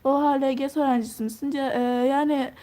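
Teen girl streamer, high-pitched, casual and chatty, thinks out loud while reading comments. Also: fairly even intonation, quick pace. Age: teens. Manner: chatty, answers viewer comments one by one; thinks out loud while touring a game house. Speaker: live streamer.

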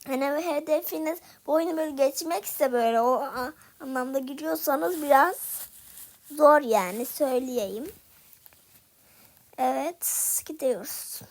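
Speaking in a high, somewhat mellow voice at an unhurried pace, a young woman who creates gaming videos talks to her viewers mid-play. A difficult level leaves her frustrated.

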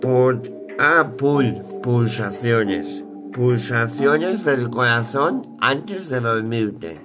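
A man in his thirties with a Peninsular Spanish accent rambles casually to camera. His pace is slow and his pitch sits in the middle range. He thinks aloud in loose, colloquial speech, with music behind him. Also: animated. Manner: unhurried, thinking aloud, colloquial with mild swearing. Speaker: vlogger. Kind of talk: casual rambling vlog chat. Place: small cluttered room at home, indoors.

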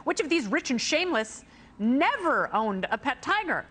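A woman's voice: high-pitched, very animated, fairly bright tone. A middle-aged woman hosting a playful quiz game on a talk show, bubbly and teasing. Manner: bubbly, teasing, quick jokes and laughs.

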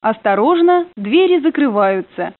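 A woman's voice: fairly high pitch, sing-song, measured pace. A woman reading prerecorded train announcements, heard over the train's intercom, polite and formal. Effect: played over a train intercom. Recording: narrow phone-like dry sound.

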